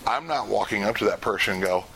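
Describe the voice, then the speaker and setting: A man teaching a casual spoken class, chatty and quick to laugh, acting out little scenes as he explains. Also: lowish voice, lively intonation, fairly bright tone, slight background noise. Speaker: class instructor.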